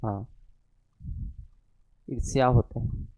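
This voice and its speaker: A man's voice: medium pitch, steady tone, slow, warm tone, no echo. A man teaching a grammar lesson to a class, checking spellings with short questions and answers. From central India. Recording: dull lo-fi classroom recording.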